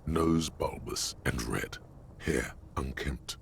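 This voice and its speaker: An actor voicing a brooding, solemn narrator in a video game, speaking slowly and gravely. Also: male voice, extremely low pitch, a little hiss or hum, exaggerated voice. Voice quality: gravelly, slow and measured.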